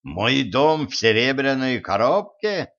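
A man's voice: medium pitch, very animated, slow pace, fairly bright tone, voice pushed up, exaggerated voice. A man voicing an old, world-weary sorcerer-villain with dry, sarcastic drawling remarks, on a dull lo-fi recording. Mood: grumbling.

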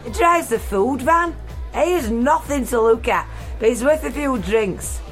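A middle-aged woman performing a brash comic monologue, swinging from loud to quiet. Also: sits high, animated, unhurried, faint music behind, a faint crowd. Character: brash middle-aged female ex-reality star. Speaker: solo stage performer.

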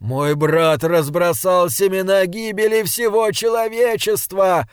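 An anguished young prince from an audiobook fantasy, shouting orders over the din, as a male narrator voices him. His voice is raised and a bit high, urgent throughout. The sound is dry and close. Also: unhurried, smooth, dry recording.

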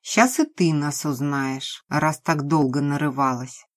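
Woman doing coarse drunk female thug, threatening, rough slang, low voice. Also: measured pace. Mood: menacing.

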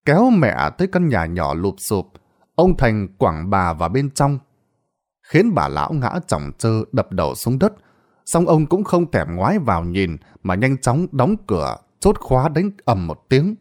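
A man's voice: mid-range voice, wildly swooping pitch, measured pace, darkish tone. A man narrating a Vietnamese ghost story in a dramatic storytelling style.

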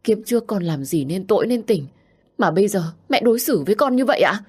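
A woman's voice: medium pitch, lively intonation, quick pace, darkish tone, slightly rough, pitched above the performer's own voice. A woman voicing a worn-out young daughter who speaks in an anguished, raised voice.

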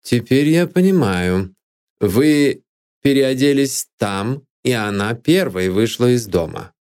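A man's voice: medium pitch, lively intonation, slow pace, darkish tone, dry recording, clean studio sound. A man voicing a shrewd, blunt police detective in an audiobook, speaking matter-of-factly.

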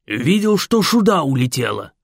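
A man voicing a loud, jolly bearded biker who has lost his dentures and lisps through mushy, toothless speech. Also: on the high side, sing-song, moderate pace, vocal fry, slightly rough, no echo, studio quality, full character voice. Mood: agitated shouting. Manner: shouting, boisterous, drawn out.

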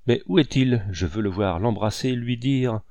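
A man's voice: mid-range voice, normal speed, dark tone, no echo, natural voice. A man reading an audiobook and voicing an impulsive, effusive old colonel with emphatic exclamations. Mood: eager.

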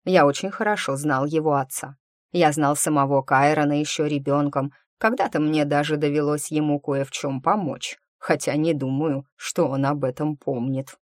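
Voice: medium pitch, steady tone, normal speed, no room sound, clean studio sound, lightly acted. Чтец изображает старого мага-наставника, сдержанного и немного насмешливого, в аудиокниге. Он размеренно и ровно рассказывает о случившемся. Голос звучит сухо и близко, почти без отзвука комнаты. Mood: grim, firm. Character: old male magic master, wry and guarded. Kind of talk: audiobook character reading.

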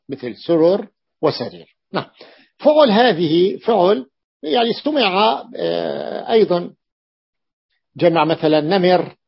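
A man's voice: fairly high pitch, gravelly, breathy edge, muffled recording. A man teaching Arabic morphology to a class, explaining a classical text, repeating each example and checking that students follow.

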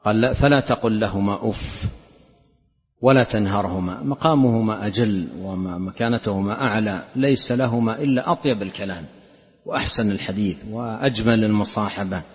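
A man giving a religious lesson, explaining a narration in a measured way and often repeating or restarting words. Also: lowish voice. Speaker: Islamic scholar teaching a lesson. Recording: dull lo-fi lecture recording with long hall reverb.

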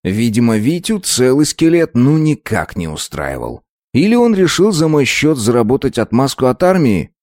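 A man narrating a first-person story in a measured, dramatic reading. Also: mid-range voice, sing-song, a little mellow, no echo, studio quality.

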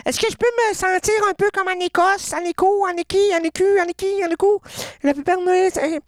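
A performer voicing an excitable, rambling female caller with a Quebec French accent in a comedic radio sketch. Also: very high-pitched, brisk, no echo, clean studio sound, pitched above the performer's own voice. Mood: excited. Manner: gushing, giggly, rambling.

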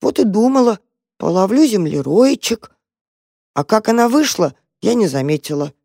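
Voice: mid-range voice, big pitch swings, normal speed, vocal fry, dark tone, no room sound, studio quality, voice pushed up. A storyteller voicing a frightened, starving female cat who whines and pleads in a tearful voice. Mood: whining, pleading.

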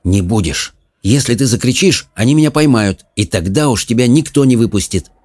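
A man's voice: medium pitch, animated, fairly quick, a little mellow, no room sound, clean studio sound, close to an everyday voice. Man reading a firm young boy. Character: brave, practical young boy.

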